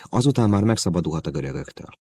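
A man narrating a thriller audiobook in a steady, even storytelling manner. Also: fairly low pitch, vocal fry, dry recording, studio quality. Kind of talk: scripted narration.

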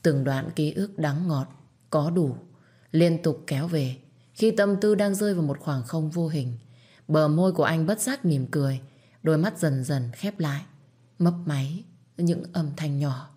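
A woman reading a somber story aloud in a measured, steady way. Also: deep voice, slightly rough. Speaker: audiobook narrator. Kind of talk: scripted story narration.

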